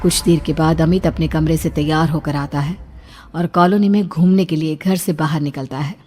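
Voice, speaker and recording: A woman narrating a children's cartoon story in a calm storytelling manner. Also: deep voice, moderate pace.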